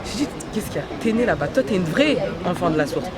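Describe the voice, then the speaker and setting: A woman's voice: on the low side, big pitch swings, fast talker. A woman in her thirties, a home-care nurse raised in France, speaking earnestly and passionately in a street interview, with frequent restarts. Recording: loud crowd and traffic behind.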